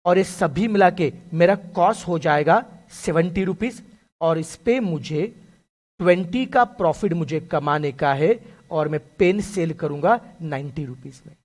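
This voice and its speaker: A male accounting lecturer teaches cost concepts through a simple shop story, pausing often to quiz his students. His voice sits high, and his delivery is lively and conversational, with frequent affectionate "beta". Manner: lively, asks students questions, calls them "beta". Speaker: costing faculty teacher. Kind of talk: classroom lecture with story examples.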